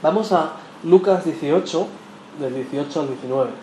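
A man preaching a sermon, lively and questioning, talking straight to the people in front of him. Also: on the high side, moderate pace, slight background noise. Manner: lively, talks with the audience, asks questions. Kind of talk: sermon teaching. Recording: echoey room with faint ambience.

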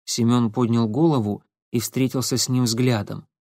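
A man narrating a story in a steady, even reading voice. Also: medium pitch, normal speed, no room sound, clean studio sound. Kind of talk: audiobook narration.

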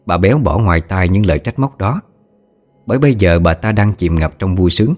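A man tells a spooky tale as an audiobook, keeping his storytelling calm and even. His voice sits very low. Faint music plays behind him. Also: fairly quick. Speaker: audiobook narrator. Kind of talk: storytelling narration doing all voices.

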